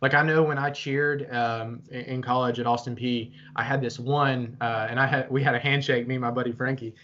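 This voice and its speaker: A man's voice: mid-range voice, steady tone, fairly quick, a bit bright, a little hiss or hum. A young man co-hosting a casual chat, talking earnestly and motivationally, with some swearing. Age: young adult. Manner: earnest, pep-talk delivery with some swearing. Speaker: podcast co-host. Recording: slightly dull lo-fi audio.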